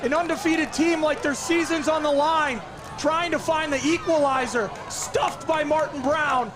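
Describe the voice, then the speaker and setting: Calling a live soccer match play by play on an outdoor field, a hoarse commentator who is losing his voice speaks at a measured pace in a very high pitch. He's excitable, his voice leaping up on big chances. Loud outdoor noise and a cheering crowd fill the recording.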